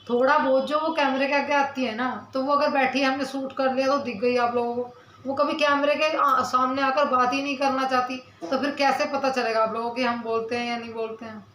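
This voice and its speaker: A woman's voice: high-pitched, fairly bright tone, echoey room, slight background noise, poor audio. A young woman vlogger talking to camera, earnestly answering her viewers' comments and defending herself while in some pain from her mouth. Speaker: village vlogger.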